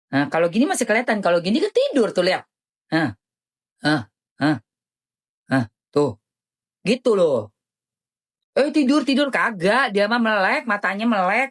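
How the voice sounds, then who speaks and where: Lady on a live stream, super chatty, voice jumps up and down all the time. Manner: animated, chatty, jumpy pitch swings, lots of slang. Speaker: selling skincare products. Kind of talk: casual live-stream chat.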